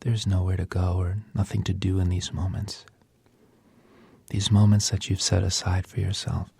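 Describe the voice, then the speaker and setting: Husky, hushed man guiding meditation. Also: low voice, dry recording. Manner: soft, gentle, half-whispered delivery with pauses. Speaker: meditation guide. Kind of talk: slow guided breathing meditation.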